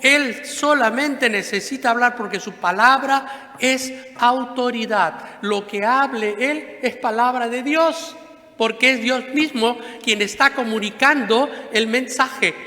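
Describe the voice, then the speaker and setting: A man's voice: extremely high pitch, takes it slowly, pushed and bright. A male priest giving a Sunday homily in a conversational way, asking rhetorical questions and adding "no?" after many phrases, in a church. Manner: conversational preaching, frequent rhetorical questions and tag "¿no?". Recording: echoey church with long reverb.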